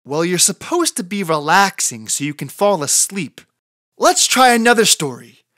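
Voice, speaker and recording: A woman voicing a patient, tired father rooster in a storybook, measured and gently chiding. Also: fairly low pitch, sing-song, no echo, clean studio sound. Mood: mildly exasperated.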